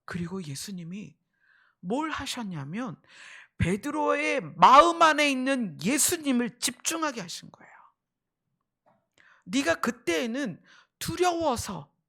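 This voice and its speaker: A woman pastor preaching a sermon, swinging between raised emphasis and hushed whispers. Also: fairly high pitch, big pitch swings, a little slow.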